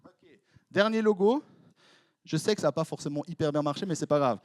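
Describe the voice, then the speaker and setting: A young youth pastor with a Swiss French accent preaches to his congregation, tossing out jokes and playful asides as he quizzes them. His voice sits a little high for a man. The sound is close and dry, with almost no room echo. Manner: playful, jokey, quick asides to the crowd. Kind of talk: lively sermon with audience interaction. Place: church hall before a congregation.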